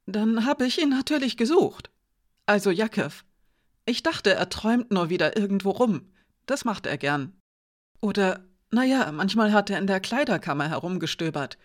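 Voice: medium pitch, expressive, moderate pace, pitched above the performer's own voice, lightly acted. An audiobook reader voicing a nervous male servant who stammers and rambles as he pleads. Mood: rambling. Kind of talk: audiobook character voice.

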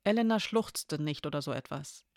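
A narrator reading a story aloud in a calm, measured way. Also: mid-range voice, dry recording, studio quality. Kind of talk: audiobook reading of an intimate story.

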